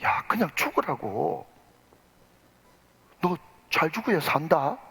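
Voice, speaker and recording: A blunt assistant director pressing a young actor, slow and insistent, as a preacher puts him on. The voice is husky, and a long church reverb trails behind it. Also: male voice, sits high, animated, pitched above the performer's own voice, full character voice. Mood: urging.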